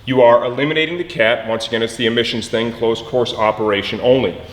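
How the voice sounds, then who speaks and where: A plain-spoken, folksy man who hosts motorcycle parts install videos walks through a casual step-by-step tutorial, explaining as he works. He talks fast in a mid-range voice with fairly even intonation. The room sounds echoey and reverberant.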